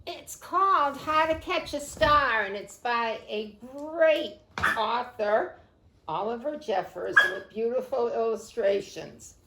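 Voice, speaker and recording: A woman librarian reads a picture book aloud to young children at a slow, deliberate pace. Her slightly high voice is expressive, and she praises the children by name. The sound carries a roomy echo. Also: noisy background. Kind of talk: storytime read-aloud.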